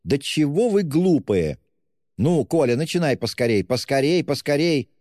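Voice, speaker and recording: A man voicing a frantic, desperate impoverished widow with shrill, haughty outbursts in an audiobook. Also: sing-song, normal speed, a little mellow, no room sound, clean studio sound, big-room sound. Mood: scolding. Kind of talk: audiobook character voice.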